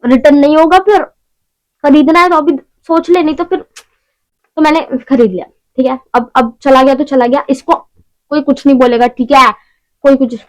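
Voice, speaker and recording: A woman's voice: high voice, steady tone, moderate pace, rough recording. A young woman talking casually through a beauty haul at home, chatty and rambling with self-mocking asides. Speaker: beauty vlogger. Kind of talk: casual shopping haul vlog.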